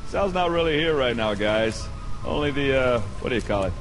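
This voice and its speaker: A man's voice: medium pitch, lively intonation, normal speed, soft background music, lightly acted. An actor playing a big, dopey, good-natured cockroach henchman in a cartoon game. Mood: obedient cheer.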